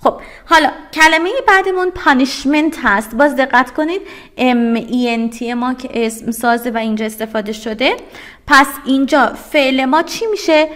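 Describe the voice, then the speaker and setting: This is a woman with a somewhat high voice, teaching vocabulary in a recorded online lesson. She speaks with a Persian accent and works through each word step by step. She asks questions, answers them herself, and says the English terms slowly and clearly. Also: fairly bright tone. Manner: drills English words, slowly and clearly spoken.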